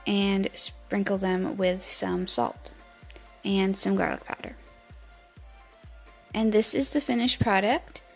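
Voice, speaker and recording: A young woman casually narrates her cooking, one step after another, in a relaxed and easygoing way. Her voice sits at an ordinary middle pitch with a gravelly texture. Soft music plays faintly beneath her. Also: poor audio. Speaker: cooking vlogger. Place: home kitchen.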